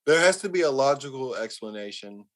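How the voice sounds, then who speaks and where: A man's voice: mid-range voice, animated, fairly quick, fairly bright tone. A man hosting a podcast, chatting casually with friends in a laid-back, profane way. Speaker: podcast host. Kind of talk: casual chat.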